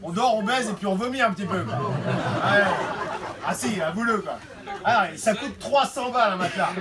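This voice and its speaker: A man doing a lively stand-up set on a small bar stage, slipping in and out of character voices, with the audience laughing. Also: high-pitched, normal speed. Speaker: stand-up comedian. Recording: distant mic in a noisy bar crowd.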